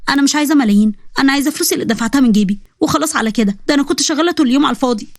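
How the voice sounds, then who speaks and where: A woman's voice: sits high, very fast, dry recording, clean studio sound. A woman voicing a tired, wary young delivery worker with an Egyptian accent, who talks in a blunt, exasperated way.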